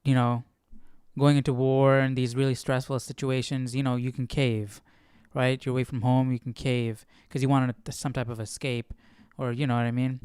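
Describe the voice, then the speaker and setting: With a mid-range, slightly mellow and clean voice, a man leading a Bible study livestream walks through scripture in a conversational, thoughtful way, often asking rhetorical questions. He keeps a level tone at normal speed, and the audio is dry and studio quality.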